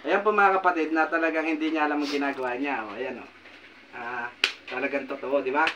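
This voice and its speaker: A man performing a folk healing ritual, sternly commanding and scolding his patient and sometimes speaking quietly to viewers. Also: fairly high pitch, fairly even intonation, fairly quick, background noise. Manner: loud, forceful voice that drops to quiet asides. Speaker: folk healer.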